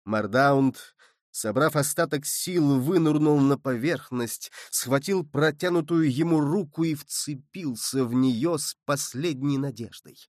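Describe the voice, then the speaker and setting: A man reading an audiobook as narrator, in measured, steady storytelling from a close mic. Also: fairly high pitch, no echo. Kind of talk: scripted narration.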